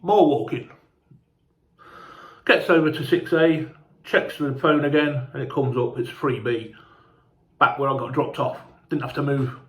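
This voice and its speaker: A man's voice: medium pitch, steady tone, a little slow, echoey room. A man telling a casual, rambling travel story, sweary and chatty, sounding hungover and unwell. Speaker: fan vlogger.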